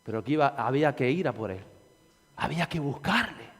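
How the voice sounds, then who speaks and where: A man, preaching a fervent sermon as pastor, repeating his phrases and rising to shouts. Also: mid-range voice, expressive, fairly quick, breathy edge, big-room sound.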